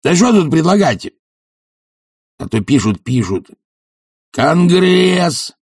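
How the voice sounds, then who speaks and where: A man voicing a crude, boorish young man who was once a dog, with a coarse, gravelly manner in an audiobook. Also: a little high, big pitch swings, slow, a little mellow, no echo, clean studio sound, voice pushed up, heavily acted. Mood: grumbling. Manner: coarse, sulky, grumbling. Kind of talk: audiobook character voice.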